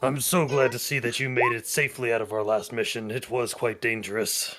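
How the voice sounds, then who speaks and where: A man voicing a huge, kindly elephant-folk man in a warm, measured way. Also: mid-range voice, level tone, faint music behind, lightly acted.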